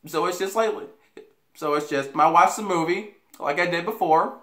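A young adult American talks to camera in a slightly high, pushed and bright voice at a moderate pace. His casual story rambles, repeats and is laced with profanity. The setting is a small, echoey bedroom, with a camera mic a few feet away.

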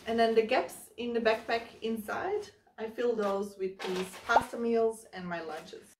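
A woman's voice: fairly high pitch, measured pace, background noise. A woman in her thirties casually explaining, step by step, how she packs her hiking backpack while she handles the gear. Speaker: hiking vlogger. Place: living room, indoors. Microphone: camera mic from across the room. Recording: roomy, slightly distant camera sound.

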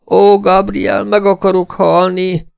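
A man doing a shrill wailing older woman. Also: expressive, creaky, no echo, exaggerated voice. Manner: shrill, sobbing, drawn-out cries.

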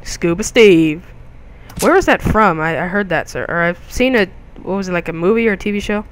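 A young man hosting a gaming video, giving jokey, excitable commentary with crude outbursts as he plays. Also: high voice, fast talker, smooth. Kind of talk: gameplay commentary.

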